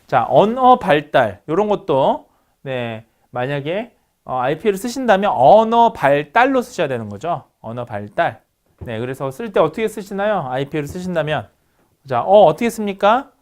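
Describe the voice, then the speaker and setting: Guy lecturing phonetics, pitch jumps all over, quizzes the class then answers himself. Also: sing-song, moderate pace, darkish tone. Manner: instructive, poses questions to students then answers them. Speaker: university lecturer.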